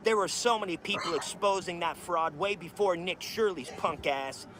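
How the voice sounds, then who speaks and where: A man's voice: high-pitched, moderate pace. A man with a slightly raised voice rants to his live stream chat, cursing often and hammering his points. A faint hiss sits behind him. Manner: profane, heated and emphatic; talks straight to chat viewers. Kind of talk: casual live stream rant.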